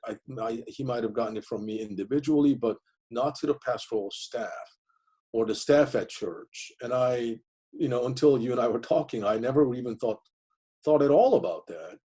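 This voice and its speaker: This Korean-native divinity school professor, middle-aged, speaks in a mid-range, mellow voice with a breathy edge and a normal pace. Being interviewed, he reflects on his answers, restarting often and using plenty of fillers.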